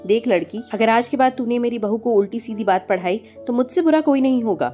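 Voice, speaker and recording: A woman's voice: a little high, brisk, mellow, lightly acted. A woman voicing a harsh, domineering middle-aged mother-in-law who taunts and scolds. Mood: scolding. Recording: faint music behind.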